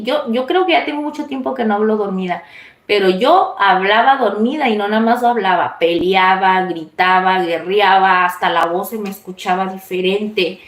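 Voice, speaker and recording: A woman, telling a personal story to her viewers in a chatty, confiding way. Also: medium pitch. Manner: chatty, confiding, animated retelling. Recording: echoey room.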